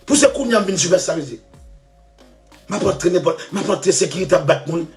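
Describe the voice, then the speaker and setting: A man telling a story about playing music, laughing, shouting at times and dropping to mutters. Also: high-pitched, expressive, a little fast. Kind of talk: animated storytelling rant. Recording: faint music behind.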